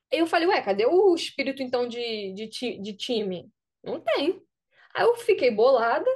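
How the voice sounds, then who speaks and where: A young Brazilian woman who is a student athlete tells a story in a casual interview, bringing quoted dialogue to life. Her voice is high-pitched.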